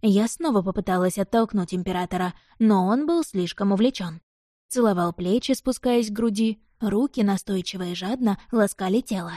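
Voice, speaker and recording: Female audiobook narrator, first-person fiction, mellow dark tone, dry close recording. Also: medium pitch, moderate pace, no room sound.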